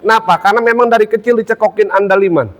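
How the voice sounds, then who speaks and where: Lively joking male preacher. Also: sits high, very fast, a little hiss or hum. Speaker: pastor. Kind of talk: sermon. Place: ballroom church service.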